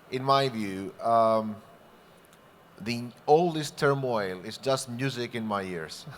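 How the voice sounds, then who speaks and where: A man's voice: mid-range voice, slight background noise. Expansive good-humored man from Greece. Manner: expansive, uses vivid imagery, good-humored. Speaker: panelist. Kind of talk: panel discussion remarks.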